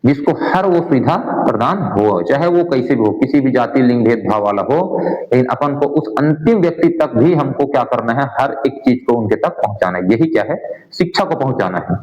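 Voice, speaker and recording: Hindi guy teaching an exam answer key, keeps asking "kya hoga?" himself, dull muffled recording. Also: medium pitch. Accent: Hindi, sprinkled with English exam terms. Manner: asks the class rhetorical questions and answers them himself. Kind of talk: answer-key lesson walkthrough. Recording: dull, roomy lo-fi sound.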